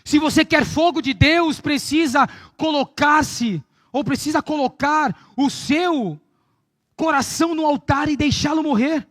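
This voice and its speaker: Brazilian pastor guy preaching hard, really high voice, stretches words out and shouts. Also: unhurried, dry recording. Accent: Brazilian Portuguese. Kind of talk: sermon.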